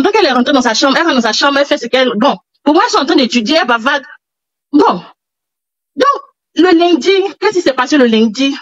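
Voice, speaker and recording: A breathless, agitated woman, pouring out her story to a call-in host with a fairly high voice. The audio is dull and dry, like a lo-fi call recording. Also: no echo. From Africa. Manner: agitated, repeats herself. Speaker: caller. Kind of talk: telling a personal story on a call.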